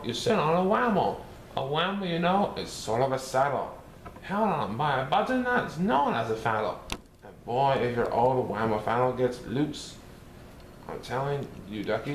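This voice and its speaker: Reading a rhyming storybook as a mischievous, playful cartoon tomcat, a man bounces through the lines in a sing-song style. His mid-range voice is very animated and moves at a normal speed. The room echoes, with a faint hiss underneath.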